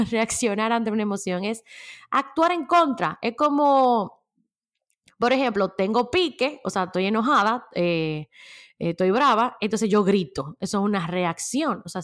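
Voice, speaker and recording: Woman talking podcast-style, chatty, laughs a lot, mid pitch. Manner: chatty and animated, laughs often, colloquial. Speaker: podcast host. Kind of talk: casual solo podcast talk.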